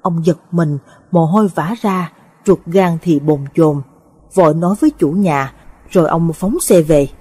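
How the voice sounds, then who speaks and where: A woman narrating a Buddhist audio story in a solemn, measured way. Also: fairly low pitch, dark tone, breathy edge.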